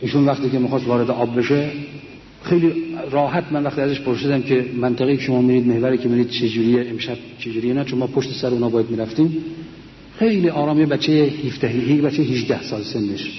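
A man's voice: mid-range voice, steady tone, a little hiss or hum. An older man, a war veteran, earnestly telling memories of his comrades to a mosque audience. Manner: earnest storytelling, quoting comrades. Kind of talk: memoir talk to a mosque audience. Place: large mosque hall. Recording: echoey, dull lo-fi hall recording.

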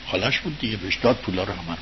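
Low-voiced man telling a religious story. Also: animated. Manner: conversational, swings between loud bursts and quiet murmurs. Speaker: religious speaker addressing an audience. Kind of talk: informal storytelling talk. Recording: dull lo-fi recording with faint hiss.

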